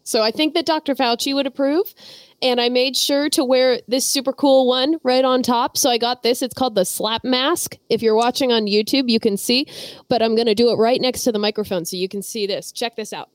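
A young woman co-hosts a podcast, bantering playfully and teasing while she gets over a head cold. Her voice is fairly high and fairly even, quick-paced, with no echo.

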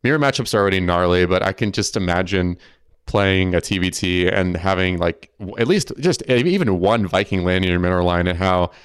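A man hosting a podcast, relaxed and curious, asking follow-up questions. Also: sits low, a little fast, clean tone, no echo, clean studio sound. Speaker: podcast host. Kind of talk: casual interview chat.

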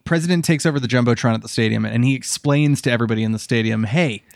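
A man with a mid-pitched voice improvises comedy scenarios with lively energy. His sound is close and dry. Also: racing, gravelly, no echo. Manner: animated, jumps into quoted voices.

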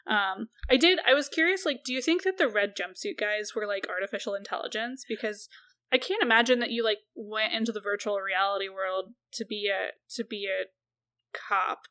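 A woman's voice: mid-range voice, moderate pace, pushed and bright. A woman co-hosting a casual podcast chat about a film, chatty and swearing freely, with lots of "like". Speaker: podcast co-host.

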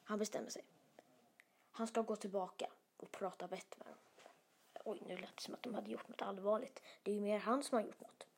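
A woman telling an improvised bedtime story in a soft, often whispered voice, casual and hesitant with many fillers and restarts. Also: medium pitch, steady tone, slight background noise.

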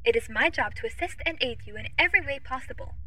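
Audio drama: too-smooth female android assistant played by a woman, high, bright and crisp, polite, literal and quietly curious. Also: fast talker, exaggerated voice. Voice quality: too smooth, even, formal android-like phrasing. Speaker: ship's AI assistant.

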